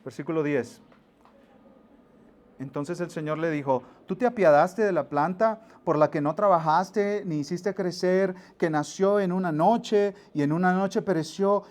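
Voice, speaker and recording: A middle-aged man preaching, his voice sitting a little high for a man. He tells stories vividly, acting out the people in them. Then he drops to a near-whisper to press a point home. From Mexico. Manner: animated storyteller, acts out voices, drops to near-whisper for emphasis. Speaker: pastor. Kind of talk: sermon.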